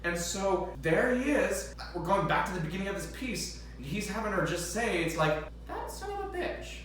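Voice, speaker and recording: A man's voice: high-pitched, normal speed, fairly bright tone, recorded from a distance, slight background noise. A young man who plays the organ, chatting casually while he practices, swearing now and then and humming along to the music. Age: young adult. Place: large echoey room with an organ. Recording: very echoey, from off-mic, organ behind.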